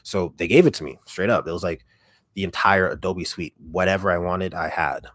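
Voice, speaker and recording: A man with a deep, raspy voice chatting casually on a livestream, relaxed and rambling, speaking very close to the microphone. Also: brisk, dry recording. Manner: relaxed, rambling, heavy use of "like". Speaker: ASMR content creator on a livestream. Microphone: microphone held very close.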